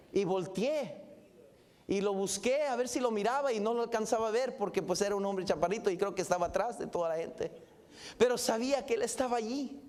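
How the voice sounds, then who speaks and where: High-voiced pastor. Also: male voice. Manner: animated, dramatic retelling with exclamations. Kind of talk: sermon storytelling. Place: church sanctuary.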